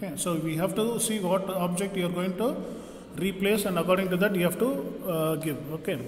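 This French teacher has a high-pitched male voice and talks fairly quickly. He explains grammar one step at a time, like a classroom instructor, and the recording carries long reverb from an echoey room.

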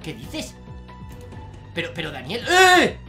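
Soft music plays behind this young gaming YouTuber, who speaks with a Spain Spanish accent in a high, brisk voice. His let's-play commentary is excitable and regularly breaks into shouts.

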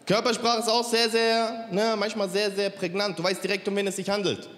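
A man's voice: high-pitched, level tone, brisk, a bit bright. A man performing a stand-up comedy set on a club stage, talking straight to the crowd and slipping into mimicked voices. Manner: punchy, mimics accents and voices, addresses crowd. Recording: live stage in a hall with reverb, faint crowd noise.

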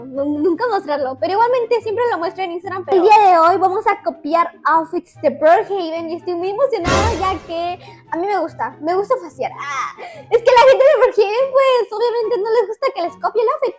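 A woman giving excitable, giggly commentary over a game. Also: very high-pitched. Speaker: gaming YouTuber. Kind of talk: casual gameplay commentary.

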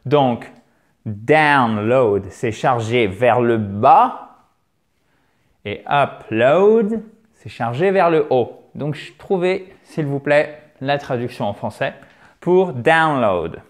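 A man teaching vocabulary, chatty and encouraging, slowing down to exaggerate pronunciation drills. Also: medium pitch, expressive. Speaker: English teacher. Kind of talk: vocabulary lesson.

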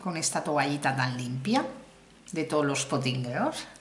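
In an echoey room with faint background noise, a middle-aged woman from Spain reviews a makeup haul for her viewers. Her voice is low-pitched, animated and unhurried, with a Spanish accent, and she speaks exclamatorily and casually right to the camera as a beauty vlogger.

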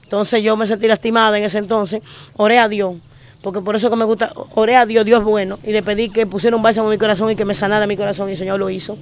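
A woman pastor with a Dominican Spanish accent, telling her testimony with emotion and repeating phrases in quick bursts. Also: medium pitch, flat delivery, slight background noise. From Dominican Republic. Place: living in Spain.

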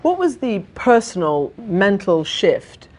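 A woman's voice: mid-range voice, big pitch swings, takes it slowly, darkish tone. A woman interviewer asking probing, direct questions in a study. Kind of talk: news interview. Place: study with bookshelves.

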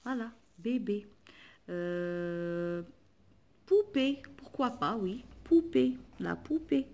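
A woman's voice: mid-range voice, lively intonation, drawn-out words, warm tone. A woman teacher, patiently explaining a workbook lesson and spelling letters aloud. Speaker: primary school teacher.

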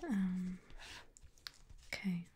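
A woman's voice: on the low side, drawn-out words, dark tone, a little hiss or hum. A young woman whispering an ASMR roleplay as a reassuring pre-surgery nurse, with hesitant ums. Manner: reassuring, clinical.

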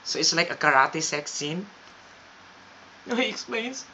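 A woman with a Filipino accent giving a comic monologue as a vlogger, boasting in a mock-confident, deadpan way. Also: low voice, a little slow. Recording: dull lo-fi with faint hiss.

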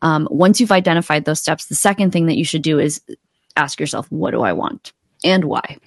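Speaking fairly quickly and animatedly, the coach walks through her points step by step in a low, creaky voice during the home video-call podcast interview. Her close desktop mic gives a clean studio sound with no room sound.

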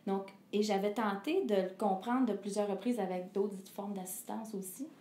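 Here the same singer talks at a moderate pace in a warm, medium-pitched voice, her Québécois French accent clear. As an interview guest she stays earnest and thoughtful, with frequent hesitations and bursts of laughter, opening up about personal matters. The setting is an indoor living room with a fireplace, and the recording carries echo and a light hiss.

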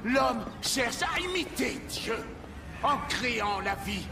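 A fervent video game street preacher who rails against machines in a high, strained, shouting voice. He preaches in grand, declamatory lines. Game music plays clearly beneath him. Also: animated, takes it slowly, recorded from a distance, exaggerated voice. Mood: preaching. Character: fiery male street preacher ranting against androids. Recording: game audio with music behind.

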